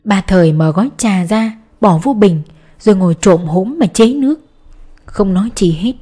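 Mellow woman narrating a novel. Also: mid-range voice, normal speed, slightly rough. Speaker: audiobook narrator. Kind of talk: scripted narration.

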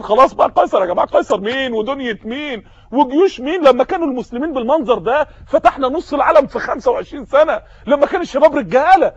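A man with an Egyptian accent preaching an impassioned sermon full of rhetorical questions, rising at times to shouts. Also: very high-pitched, no echo, muffled recording. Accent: Egyptian Arabic.

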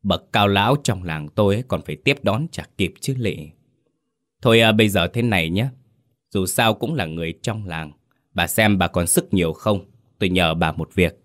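A man voicing a sly village chief's wife whose soft voice is sharp and cold. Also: low voice, moderate pace. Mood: sly mocking.

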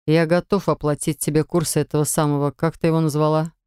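A woman reading the lines of a calm, decisive husband in an audiobook, matter-of-fact. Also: deep voice, quick pace, clean tone, no echo, studio quality, natural voice. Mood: firm. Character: cool, decisive husband, grown man. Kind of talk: audiobook character voice.

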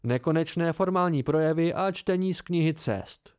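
A man voicing a weary, soft-spoken innkeeper in an amateur audiobook, with a raised, plaintive delivery. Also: on the high side, clean tone, no echo, studio quality, voice pushed up, natural voice.

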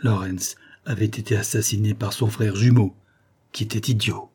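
A man reading a literary story aloud in a measured, even narrating voice. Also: lowish voice, slightly rough. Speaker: audiobook reader.

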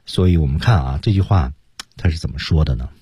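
A man teaching English on a radio program, explaining pronunciation step by step and drilling words slowly. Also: rumbling low, mellow, slightly rough, no room sound. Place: radio studio.

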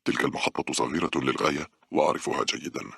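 A man reading aloud, voicing a calm, friendly young man in a horror story in a soft, unhurried way. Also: very deep voice, creaky, breathy edge, no echo, studio quality, exaggerated voice. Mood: gentle.

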